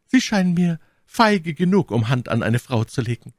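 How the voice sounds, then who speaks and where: A man voicing a scheming, cornered noblewoman in an audiobook reading, with shrill, indignant outbursts. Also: sing-song, a little slow, a little mellow, no room sound, clean studio sound. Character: scheming, cornered noble woman, haughty and fierce.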